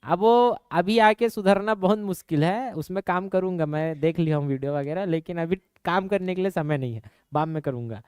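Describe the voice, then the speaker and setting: A young man from Chhattisgarh, India, teaches an exam coaching class in a Chhattisgarhi accent, his high, slightly mellow voice clear and resonant with a faint nasal ring. He fires quick questions at students, answers them himself, and drifts into regional dialect at times. The recording is dry and studio-clean.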